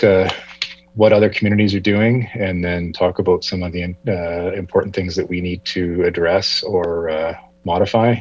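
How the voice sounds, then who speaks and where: A man gives an informal meeting update in a low, monotone voice. He speaks haltingly with frequent hesitations, and the audio is dull. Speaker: transportation manager.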